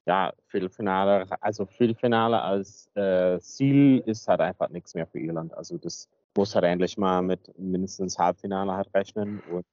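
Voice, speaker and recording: A man co-hosting a casual podcast chat, rambling with many fillers, heard through a low-quality recording. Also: steady tone, moderate pace, few pauses, darkish tone, dry recording. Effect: low-quality, muffled recording. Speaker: podcast co-host. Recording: dry muffled lo-fi recording.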